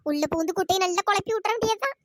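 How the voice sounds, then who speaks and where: Squeaky, fast-talking meddling village gossip, voiced by a woman. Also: no room sound. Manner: scolding, sly and gossipy. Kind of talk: cartoon voice acting.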